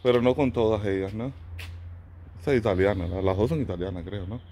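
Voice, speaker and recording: Speaking fairly quickly in a mellow, fairly low voice, this middle-aged man walks through the city and later a shop, recording on a phone held out at arm's length. His chatty vlog treats viewers like family and switches between English and German, with slight background noise audible.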